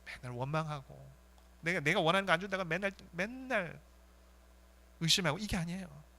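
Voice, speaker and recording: A male pastor preaching a sermon in an earnest way, with swings between fervent rises and soft, intense drops. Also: a little high, expressive, brisk, vocal fry.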